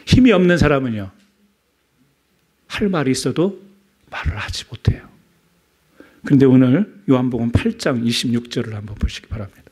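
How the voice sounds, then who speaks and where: A man preaching a sermon in a church, asking the congregation questions and dropping from loud emphasis to near-whispers. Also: medium pitch, animated, a little fast, husky. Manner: asks the congregation rhetorical questions. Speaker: pastor. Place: church sanctuary.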